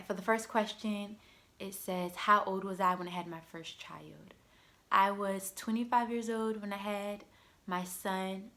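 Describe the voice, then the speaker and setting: A vlogger mom in her twenties talks casually to camera in a mid-range, slightly bright voice. She is chatty and loose, saying "like" and "you know" a lot.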